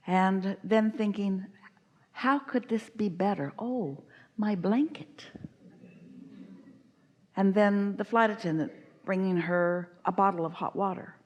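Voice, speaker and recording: A woman's voice: mid-range voice, a little mellow. Woman teaching in an emphatic cadence. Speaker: spiritual speaker answering a guest. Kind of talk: channeled teaching in a live workshop.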